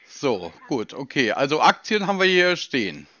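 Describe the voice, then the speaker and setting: A man's voice: on the high side, sing-song, normal speed, sharp tone, no room sound, highs cut off. A man on a call, answering with dry, skeptical, needling questions. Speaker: call recipient.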